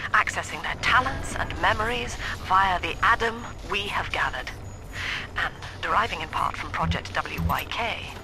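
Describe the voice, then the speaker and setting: An actress as a creaky-voiced zealous woman scientist. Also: medium pitch, close to an everyday voice, rough recording. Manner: measured, formal, solemn. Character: cold, zealous middle-aged woman scientist preaching utopia. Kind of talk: scripted audio-diary monologue in a video game.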